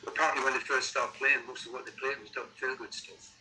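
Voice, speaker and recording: A middle-aged or older man with a Sunderland accent, chatting casually as an interviewed musician, halting and repeating words as he thinks. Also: medium pitch, flat delivery, bright, forceful tone, slight background noise, poor audio. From Sunderland, North East England.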